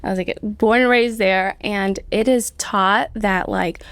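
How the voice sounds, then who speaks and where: A woman's voice: mid-range voice, fairly even intonation, a little slow, a bit bright, clear, resonant tone, no room sound. A woman in her thirties, raised in Colombia, chatting as an interview guest, full of "like" fillers. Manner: chatty, many "like" fillers, laughs often. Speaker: nonprofit CEO, guest. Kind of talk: casual interview conversation.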